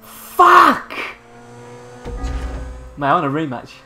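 A young man giving casual, excitable gameplay commentary, swearing and laughing often. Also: a little high, moderate pace, faint music behind. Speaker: gaming channel host.

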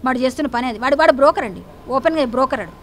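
A woman's voice: high voice, rapid-fire, a little hiss or hum. A woman, speaking in a heated news interview in a fiery, defiant and accusatory way.

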